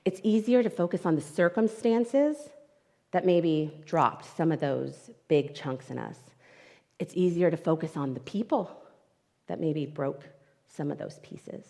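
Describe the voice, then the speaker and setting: In a reverberant spiritual centre hall, a guest speaker delivers an inspirational talk that is personal, emotional and candid, speaking into a microphone in front of her for a livestream. Her voice is low and warm, with vocal fry and a measured pace.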